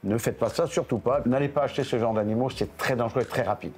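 A man in his seventies, a reptile keeper, giving a lively casual tour and coaxing his animals in a higher voice. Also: fast talker, soft background music. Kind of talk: casual guided explanation.

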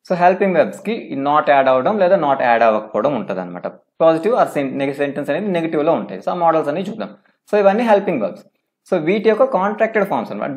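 A man teaching English grammar in a step-by-step lecture, reading out English forms slowly and often checking with "okay?". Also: fairly high pitch. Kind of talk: classroom lecture.

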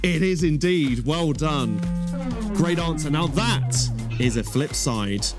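A man's voice: a little high, expressive, slow pace, over loud music. A British man in his thirties presenting a game show, announcing rounds and prizes with a projected delivery. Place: studio stage with music behind.

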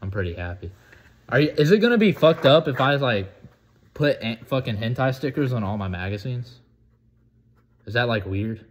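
An eighteen-year-old man from the United States chatting casually on a vlog, excitable, profane and rambling. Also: mid-range voice, normal speed, pauses often, slightly rough. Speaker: vlogger.

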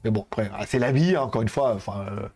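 A man's voice: on the low side, fast talker, a little mellow. A young man chatting casually with viewers while hosting a live-stream giveaway, rambling and informal, with lots of fillers. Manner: addresses viewers directly.

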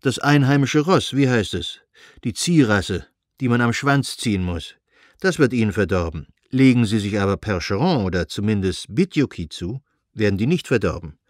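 Man reading as a blunt old-fashioned landowner, gruff, scornful, dry close sound, storybook reading. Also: lowish voice, animated, normal speed, no echo, close to an everyday voice. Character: gray-moustached male landowner, blunt and reactionary.

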